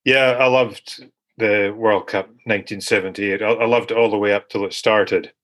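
A man's voice: lowish voice, steady tone, moderate pace, fairly bright tone. A man on a sports podcast, reminiscing with wry, self-deprecating humour. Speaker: podcast co-host. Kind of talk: casual sports podcast chat.

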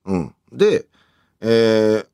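A man with a Kansai accent, telling stories in relaxed casual chat as a radio show co-host. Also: lowish voice, very slow, vocal fry, smooth.

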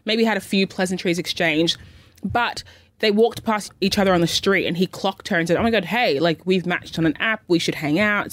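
A woman co-hosts a radio show in casual chat, with a lively voice that leaps up and down. She dishes out stories in gossipy, emphatic bursts. The studio sound is close and dry. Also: fairly low pitch, dry recording. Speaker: radio co-host. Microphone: studio mic.

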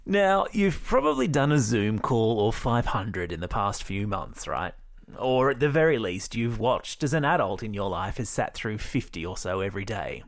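Lively Australian man reading kids' news. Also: on the low side, normal speed, no echo, studio quality. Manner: upbeat, playful, jokey asides. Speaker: news podcast host. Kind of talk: scripted kids' news narration.

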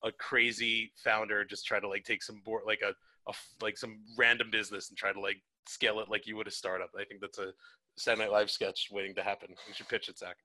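A man's voice: on the low side, level tone, fast, sharp tone. A man co-hosting a podcast in casual chat, rambling with lots of fillers and laughing asides. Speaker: podcast co-host.

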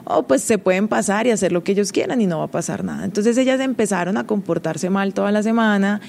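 A woman's voice: medium pitch, lively intonation, fast, gravelly, a little mellow, a little hiss or hum. A woman, hosting a casual, confiding monologue and laughing often as she talks. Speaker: host.

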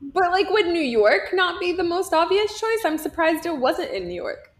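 A woman guest on a podcast, talking quickly in casual chat with frequent "like"s. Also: very high-pitched, very animated. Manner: quick, uses "like" as filler a lot.

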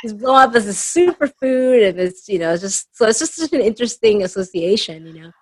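A Peruvian woman whose first language is Spanish talks quickly and with animation in a husky, mid-range voice, with no room sound. She is a guest on a video-call interview, giving casual answers and telling chatty stories packed with fillers.

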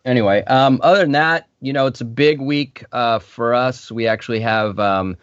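A man co-hosting a casual podcast, talking in a relaxed, rambling way with fillers. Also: mid-range voice, normal speed, no echo, highs cut off. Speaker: podcast co-host, home builder.

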